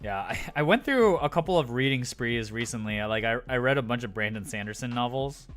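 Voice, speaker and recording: A man's voice: medium pitch, animated, a little fast, fairly bright tone, soft background music. A man livestreaming, rambling in casual chat with viewers, his throat sore from talking. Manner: rambling, filler-heavy, frequent restarts.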